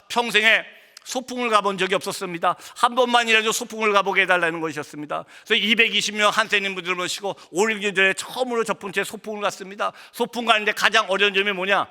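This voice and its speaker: A man's voice: high-pitched, fairly even intonation, fast, sharp tone. A man who is a missionary pastor, giving an impassioned sermon testimony in a church and acting out his own past outbursts. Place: church sanctuary. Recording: long church hall reverb.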